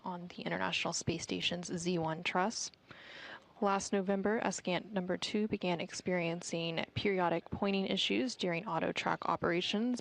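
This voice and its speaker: A woman giving live mission control commentary in a measured, formal, explanatory manner. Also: on the low side, gravelly.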